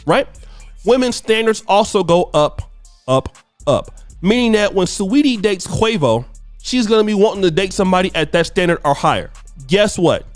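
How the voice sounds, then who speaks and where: A man's voice: high voice, dry recording. A man giving opinionated celebrity gossip commentary in a smug, sarcastic way, punctuated with rhetorical questions. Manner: often adds tag questions like right and okay. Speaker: online commentary host.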